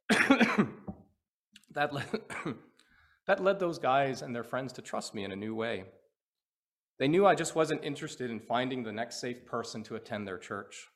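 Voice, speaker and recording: A man preaching from the pulpit, his voice rough with vocal fry. He moves between quiet, reflective points and animated story moments, his pitch climbing and dropping widely as he goes. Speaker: pastor. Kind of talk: sermon with storytelling.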